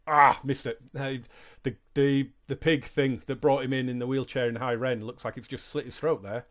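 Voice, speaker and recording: A man's voice: mid-range voice, little pitch movement, moderate pace, background noise. A man hosting a reaction video, thinking aloud in casual commentary, often stumbling and repeating words.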